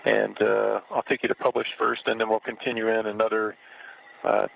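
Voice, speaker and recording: A man on a crackly narrowband space radio link, calling out steps to a spacewalker in a measured way with many fillers. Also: fairly low pitch, little pitch movement, creaky. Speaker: robotic arm operator talking to a spacewalker. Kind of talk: live spacewalk radio calls. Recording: tinny radio link with faint static.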